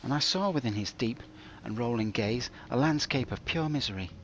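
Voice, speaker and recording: A man's voice: mid-range voice, expressive, normal speed, highs cut off, natural voice. Man playing wistful son, mock-literary narration, melodramatic, game video skit, slight background noise. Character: wistful, melodramatic son reminiscing about Father.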